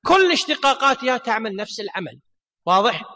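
A man teaching an Arabic grammar class. He quizzes students with quick questions and drawls out example words slowly. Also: extremely high pitch, big pitch swings, bright, forceful tone. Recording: long hall reverb.

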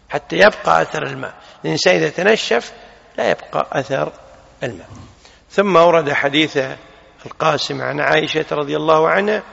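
A man giving a religious lesson, explaining a text in a measured way and slowing down to stress the forms of words. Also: on the high side, gravelly, fairly bright tone. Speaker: religious teacher. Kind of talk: hadith lesson commentary. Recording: muffled recording with long hall reverb.

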